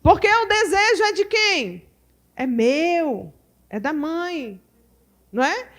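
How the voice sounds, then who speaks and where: A Brazilian woman teaching at a women's church conference, animated and full of rhetorical questions to her audience. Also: very high-pitched, slow. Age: adult mother. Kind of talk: lively teaching talk to a live audience.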